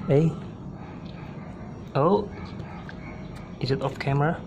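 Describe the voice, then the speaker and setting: His voice is a little high and he takes his time, muttering short bursts and exclamations to himself while working on a task. This casual vlog of self-narration happens on a tiled home balcony outside; passing vehicles and clear ambient outdoor noise are audible, and the highs are cut off.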